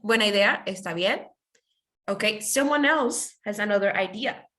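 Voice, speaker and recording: A woman's voice: medium pitch, a little slow, a bit bright. Patient woman teaching online. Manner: patient, explains with everyday examples and checks in with students. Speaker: English teacher. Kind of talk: online class, switching between English and Spanish. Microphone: computer mic on a video call.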